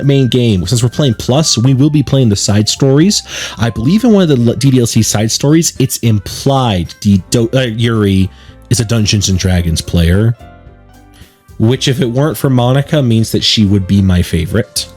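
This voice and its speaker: A let's play streamer keeps up chatty, digressive commentary as he plays through a game, at times reading the game's text aloud. His mid-range voice is darkish with a breathy edge, lively in intonation and moderate in pace, with soft music in the background.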